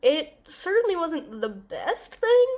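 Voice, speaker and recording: A woman's voice: extremely high pitch, very animated, takes it slowly, darkish tone. A young woman with a congested, nasal voice, as if her nose is blocked, chatting casually in a rambling book vlog. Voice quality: stuffy, nasal. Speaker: book vlogger.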